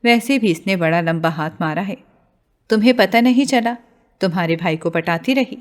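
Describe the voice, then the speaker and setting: A woman's voice: fairly low pitch, lightly acted. A woman voicing a group of gossiping young female students with a mocking tone.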